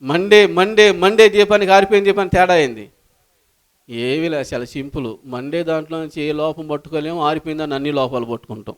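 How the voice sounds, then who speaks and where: A high-pitched man preaches to his church congregation. He surges into loud, fervent calls for praise, then sinks into low, rapid asides. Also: clean tone. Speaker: pastor. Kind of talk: sermon.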